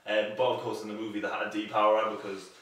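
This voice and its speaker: A man talks through a casual film review as a guest. He speaks haltingly, full of "like"s and restarts, in a lowish voice. He sounds far from the mic, and his voice rings in a very echoey room. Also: completely flat delivery, a little hiss or hum. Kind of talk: casual movie review chat.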